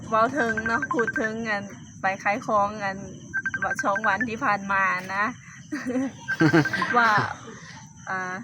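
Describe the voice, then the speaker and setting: A woman's voice: medium pitch, slow pace. A Lao single mother with a Phu Thai accent, speaking Thai as a second language in a casual interview, giving short replies and laughing easily. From Laos. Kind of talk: casual conversation. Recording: background noise.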